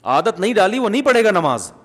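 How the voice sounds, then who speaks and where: A man giving a humorous, animated sermon, often asking the audience questions. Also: high-pitched. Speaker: Islamic preacher. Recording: long hall reverb.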